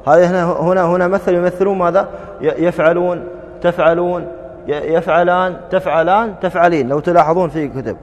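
A man teaching a grammar class, drilling students with quick questions and repeated verb forms. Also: high-pitched, fairly even intonation, long reverb tail.

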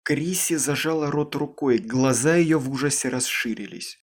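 A man reading an audiobook in a measured, dramatic narration style. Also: medium pitch, slightly rough. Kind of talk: scripted narration.

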